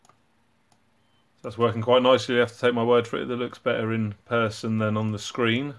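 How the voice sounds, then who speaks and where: A man hosting his own hobby channel, casually walking through a project and explaining it in a relaxed way with frequent ums and uhs. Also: mid-range voice, normal speed, clean tone. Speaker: robotics hobbyist channel host.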